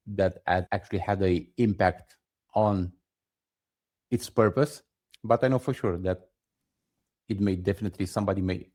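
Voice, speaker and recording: A Romanian man co-hosts a casual podcast, adding skeptical, wry asides in a Romanian accent. His voice is fairly low with a darkish tone.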